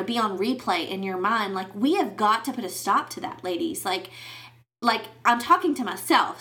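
A woman's voice: medium pitch, pushed and bright. A woman hosting a faith podcast, talking in a candid, rambling way with many fillers and restarts. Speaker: podcast host. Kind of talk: casual faith podcast monologue.

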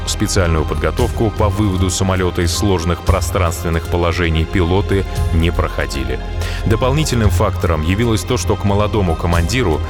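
A man reading scripted documentary narration in a measured, explanatory way. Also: sits low. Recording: narration over very loud music.

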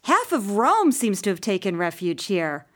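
Sarcastic young sister in an audiobook, bossy, clipped, raised pitch, read by a woman. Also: sing-song, moderate pace. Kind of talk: audiobook character reading.

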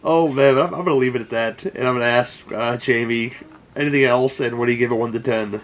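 A man's voice: mid-range voice, fast talker. A man co-hosting a podcast, chatting casually about films, swearing and laughing as he recounts scenes. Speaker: podcast co-host. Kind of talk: casual film review chat.

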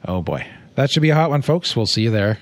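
A man's voice: medium pitch, very animated, fast, no echo, clean studio sound. A man co-hosting a podcast, giving earnest marriage advice in a casual chat and often asking "right?". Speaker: podcast co-host, marriage counselor.

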